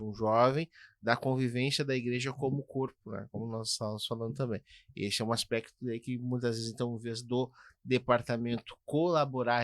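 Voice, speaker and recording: A man co-hosting a pastoral podcast, explaining points in a measured way with frequent tag questions. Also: medium pitch, fairly bright tone, no room sound, studio quality. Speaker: podcast co-host. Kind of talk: casual pastoral podcast talk.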